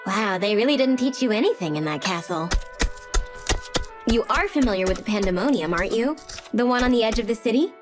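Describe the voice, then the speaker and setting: An actress voicing a brash, tough young woman fighter who talks in a blunt, sarcastic and rough way in an anime dub. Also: on the high side, animated, a little fast, natural voice. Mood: scornful. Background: background music.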